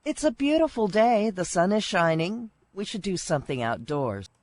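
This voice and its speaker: A woman voicing Sally, a friendly young woman in a scripted course dialogue, with clear, evenly paced textbook delivery. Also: medium pitch, big pitch swings, measured pace, a little mellow. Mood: cheerful.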